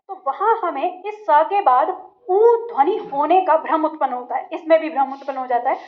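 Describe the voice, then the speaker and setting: Female teacher, very high-pitched, patient, drills words slowly. Dull, lo-fi recording. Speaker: Hindi teacher. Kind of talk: classroom lesson on pronunciation.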